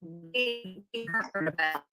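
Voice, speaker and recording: A woman's voice: mid-range voice, takes it slowly, over loud music. A woman, a search team member, recounting events over an online call whose audio breaks up and cuts out. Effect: online call audio breaking up and cutting out. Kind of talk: call-in interview.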